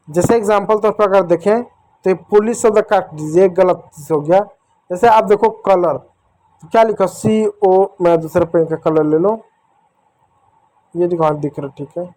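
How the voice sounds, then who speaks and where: A man teaching children a phonics lesson, going slowly through each letter sound. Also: sits high, darkish tone. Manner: slow, repetitive, drills each letter sound step by step.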